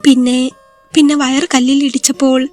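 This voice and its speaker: A woman's voice: high-pitched, level tone, moderate pace, a little mellow, soft background music, close to an everyday voice. A woman voicing a young injured wife who asks anxious, pleading questions in a spoken story. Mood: tearful.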